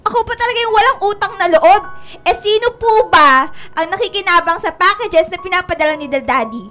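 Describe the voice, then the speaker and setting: A woman's voice: very high voice, moderate pace, fairly bright tone, faint music behind. An actress playing a wronged, indignant young woman in a radio drama, tearful and accusatory, with a Filipino accent. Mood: outraged.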